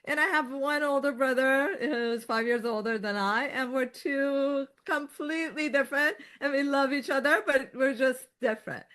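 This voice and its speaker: A middle-aged woman from Iran, a guest in an interview, talking in a lively way and often laughing as she tells her story. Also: high voice, normal speed, few pauses. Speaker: podcast guest. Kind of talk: conversational interview.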